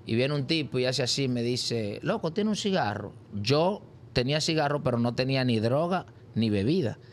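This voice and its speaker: A man's voice: moderate pace, slight background noise. A man telling his life story in an interview, acting out the voices of the people in it. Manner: acts out voices in his story with sudden high cries. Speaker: interview guest. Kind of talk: animated personal testimony.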